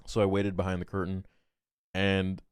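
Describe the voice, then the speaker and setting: A man, a podcast guest, casually retelling a story in an animated, rambling way, peppered with "I'm like.". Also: low voice, moderate pace, clean tone, dry recording, studio quality.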